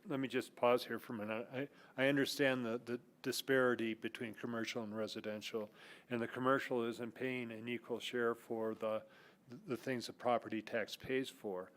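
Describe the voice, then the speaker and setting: An American man on a city council questions a colleague at a public meeting. He speaks haltingly and uses fillers. His voice has an average pitch. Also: steady tone.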